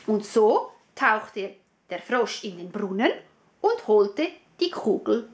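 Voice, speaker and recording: A woman reading a fairy tale aloud for children, slow, clear and expressive. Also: mid-range voice. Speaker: storyteller.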